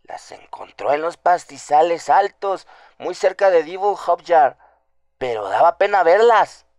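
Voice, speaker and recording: A man voices a terrified farm housekeeper in a radio play, her speech high, trembling, a little slow and darkish, yet lively in intonation. The close, dry recording has no room sound, and she rambles urgently in superstitious panic, gossiping and saying things over again.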